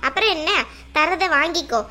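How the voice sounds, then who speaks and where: A woman's voice: very high voice, moderate pace, sharp tone. A woman voicing a snobbish young college girl in a cartoon, talking in a mocking, scornful way. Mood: contemptuous. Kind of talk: cartoon dub acting.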